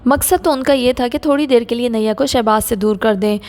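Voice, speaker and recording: Woman reading an audio novel, steady storytelling, fairly high voice, long hall reverb. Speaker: audiobook narrator.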